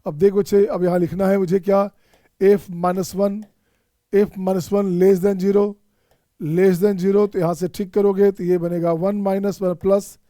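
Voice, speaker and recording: A man's voice: high voice, flat delivery, slow, warm tone, no room sound, clean studio sound. A man from India teaching math in an online exam-prep lecture, mixing Hindi and Indian-accented English and coaxing his students, whom he calls children, to solve each step themselves.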